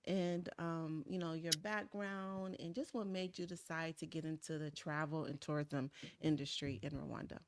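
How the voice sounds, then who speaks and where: A woman hosting an online interview from her home studio, upbeat and often pausing on "um". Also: deep voice, steady tone, a little hiss or hum. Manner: upbeat, frequent "um" fillers. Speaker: host. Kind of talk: webinar interview. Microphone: video call.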